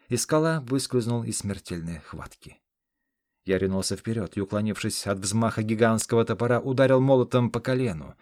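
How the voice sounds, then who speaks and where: A man's voice: mid-range voice, a little mellow, no room sound. A man narrating a fantasy battle in first person, in an intense, dramatic storytelling manner, on a close studio mic. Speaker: audiobook narrator. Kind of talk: scripted narration.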